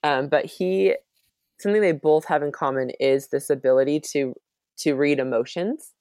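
A woman's voice: low-pitched, normal speed, dark tone, no echo, studio quality. A woman in her thirties, a mother raising two children with Down syndrome, speaking as a guest in an interview in an earnest, reassuring way with many fillers. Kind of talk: conversational interview.

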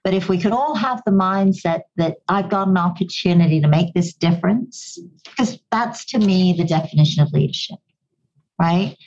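This woman, born in Goa, India and raised in Kenya, has a slight Kenyan accent with an English tinge and a lowish, somewhat mellow voice. As a podcast guest she answers interview questions earnestly and reflectively at a moderate pace, often restarting and repeating words. The highs in the audio are cut off.

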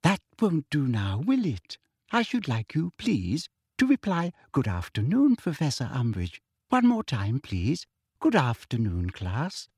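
A man voicing a prim, patronizing middle-aged witch teacher in an audiobook, speaking in a sweet, drawn-out, condescending sing-song. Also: medium pitch, huge pitch swings, a little mellow, husky, no room sound, studio quality, exaggerated voice. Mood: sugary, patronizing. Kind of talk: audiobook character voice.

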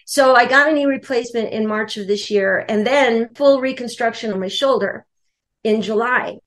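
A woman guest, a coaching client, tells her own story candidly and emotionally, using lots of fillers. Her voice is a little high and a bit bright, at normal speed.

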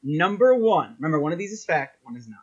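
A man's voice: a little high, sing-song, fast, slightly rough, dull audio. A man hosting a casual podcast quiz game, upbeat and teasing, often laughing.

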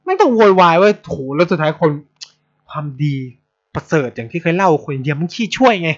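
A man's voice: a little high, a little fast. A man from Thailand, a podcast host telling stories in blunt, casual chat full of swearing. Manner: blunt, swears a lot, animated. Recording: dull lo-fi sound.

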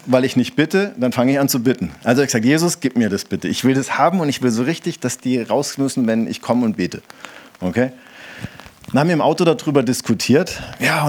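A man preaching a sermon in German, telling stories with energy and acting out the voices of the people he quotes. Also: mid-range voice. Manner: animated storytelling, acts out quoted voices.

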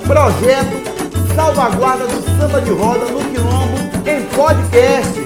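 A man hosting a podcast, opening with a hyped, shouty announcer delivery. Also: very high voice, unhurried, roomy sound, loud music behind the voice. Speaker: podcast host. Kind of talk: energetic podcast intro.

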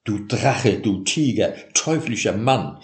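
A man voicing an agitated, deceived young bridegroom who shouts in anguish. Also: on the low side, unhurried, natural voice. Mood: outraged. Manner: loud, anguished, outraged. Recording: roomy echo.

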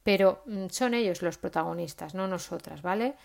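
A woman's voice: lowish voice, moderate pace, gravelly. A woman, giving parenting advice in a casual, chatty monologue with frequent "¿vale?" tags. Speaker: parenting vlogger.

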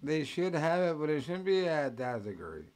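A man ranting in mocking commentary as the host, full of profanity and loud mimicking bursts. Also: on the high side, big pitch swings, moderate pace.

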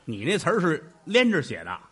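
A man's voice: on the high side, huge pitch swings, fairly quick, a bit bright. A man playing the straight man in stage crosstalk comedy on stage, with dry, teasing retorts.

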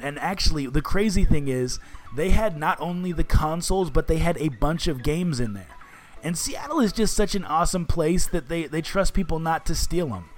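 A man co-hosting a podcast in casual, enthusiastic chat, talking like he is with a buddy. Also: a little high. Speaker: podcast co-host.

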